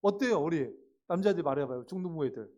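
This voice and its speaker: A man pastor giving a lively, chatty sermon to teenagers, often asking them questions. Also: a little high, fast talker, dull audio. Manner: lively and chatty, asks the young listeners questions; acts out short voices in passing. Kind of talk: sermon to youth. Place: church service.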